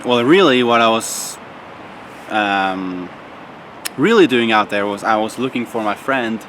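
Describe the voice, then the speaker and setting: Rambling young man, bright voice, street noise. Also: fairly low pitch. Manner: rambling, many fillers and restarts. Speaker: vlogger. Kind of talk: casual vlog monologue.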